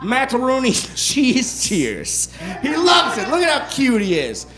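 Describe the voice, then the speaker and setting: A male comedian doing comedic storytelling on a stage before a live audience. His voice is very high and lively, and he delivers his jokes slowly and unhurriedly. The recording carries the noise of the crowd. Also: music in the background. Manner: deadpan mock-earnest, joking asides. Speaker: stand-up comedian.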